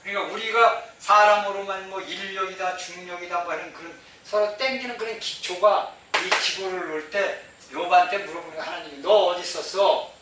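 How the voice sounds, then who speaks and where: A male pastor preaching with a very bright, sharp tone and a fairly high pitch. He is emphatic, repeating his phrases and putting rhetorical questions to the listeners. The sound is very roomy, picked up from well away from the mic. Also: fairly even intonation, brisk, few pauses. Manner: asks the congregation rhetorical questions. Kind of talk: sermon. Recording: very echoey hall, mic far off, faint noise.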